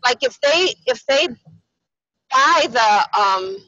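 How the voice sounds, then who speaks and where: Bright-voiced woman on a car speakerphone. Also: on the high side, expressive, no echo. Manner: hesitant, halting questions with many fillers. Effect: speakerphone call from a moving car. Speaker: caller on a conference call. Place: inside a car while driving. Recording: dull lo-fi phone line.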